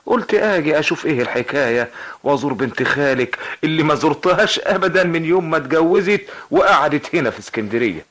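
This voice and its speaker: A man playing an older, weary and gentle uncle in a vintage radio drama, speaking slowly with sighs. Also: a little high, expressive. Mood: kindly. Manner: slow, kindly, sighing. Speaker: visiting uncle.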